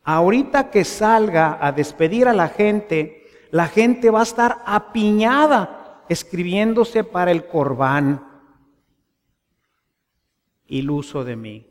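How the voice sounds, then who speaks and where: A man with a Mexican accent, a parish priest giving a conversational sermon full of rhetorical questions. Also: sits high. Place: church. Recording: long church reverb.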